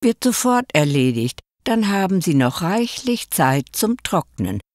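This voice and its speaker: A woman's voice: fairly low pitch, big pitch swings, measured pace, no room sound, studio quality, pitched above the performer's own voice. A woman voicing an obliging young male painter in a read-aloud fairy tale. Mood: friendly.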